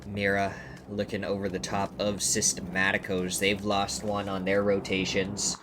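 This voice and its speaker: A man with a fairly low, stuffed-up voice, as if his nose is blocked, calls an esports match live. He is an excitable play-by-play commentator who follows the action closely. There is clear noise behind him. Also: normal speed. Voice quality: congested, blocked-nose sound. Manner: excitable, voice leaps high and loud at big moments.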